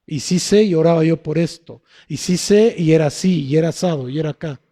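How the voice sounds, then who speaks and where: A male pastor preaching a sermon slowly and emphatically, asking rhetorical questions and answering them. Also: a little high, warm tone. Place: church hall. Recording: long hall reverb.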